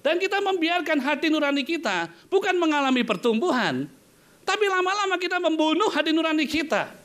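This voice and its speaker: A male pastor delivers a sermon in a church. His voice sits high and leaps widely, rising and falling as he calls out to his listeners. He tells stories in a chatty way, with playful asides. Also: fairly quick. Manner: lively preaching, often calling out to listeners, playful asides.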